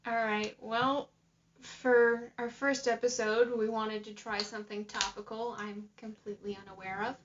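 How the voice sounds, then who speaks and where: A woman's voice: fairly high pitch, little pitch movement, normal speed, background noise. Young woman cohosting a podcast, jokey and rambly, kinda muffled home mic. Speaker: podcast co-host. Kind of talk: casual podcast chat. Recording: dull lo-fi home recording.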